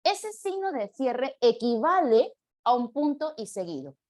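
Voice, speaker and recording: A woman's voice: high-pitched, sing-song, a little mellow. A woman teaching a live online language class, explaining patiently and taking student questions. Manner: patient, explanatory, reads questions aloud slowly.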